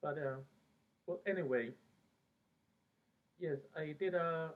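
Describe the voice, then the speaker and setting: Heard through thin, phone-like audio, a man from Peru who later lived in America wanders through his memories of a TV show. As a fan vlogger, he talks casually in a slightly high voice, very haltingly and with many pauses mid-sentence.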